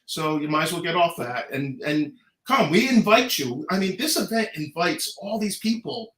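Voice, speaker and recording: Bright, emphatic American man, echoey room. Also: a little high, sing-song, moderate pace. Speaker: Pride organizer and guest. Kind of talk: animated casual talk, earnest community advocacy. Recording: roomy, echoing live sound.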